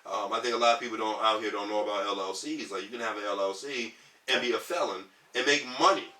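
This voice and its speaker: A man in his thirties from Detroit talks earnestly as a podcast guest, his slightly low voice carrying a bright, forceful edge. He rambles through ums and restarts. He sits away from the mic in an echoey room. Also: quick pace, far from the mic. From Detroit, US Midwest. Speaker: podcast guest, community organizer. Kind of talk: casual podcast conversation.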